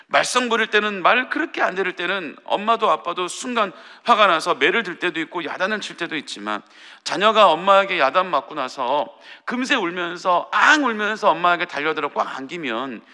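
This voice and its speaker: Pastor, male, earnest dawn-service sermon, high and very bright voice, long church reverb. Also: lively intonation, brisk. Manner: earnest, pleading preaching with acted parent voices. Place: church sanctuary.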